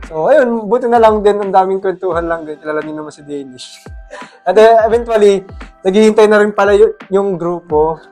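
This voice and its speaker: A young Filipino man casually telling his side of the proposal story, relaxed and pausing on fillers. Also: sits high, faint music behind. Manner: relaxed, easygoing, with many filler pauses.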